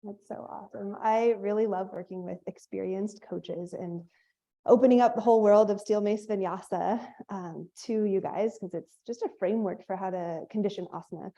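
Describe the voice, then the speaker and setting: A woman's voice: mid-range voice, steady tone, moderate pace, warm tone. A woman hosting an interview, upbeat and enthusiastic in a casual way. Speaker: host, training instructor. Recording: dull lo-fi sound.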